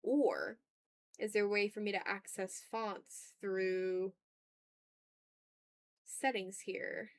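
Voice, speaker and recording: She has a steady, medium-pitched voice, speaks slowly, and leaves long pauses. The woman streams her drawing live, making casual conversation with viewers and muttering to herself about every step.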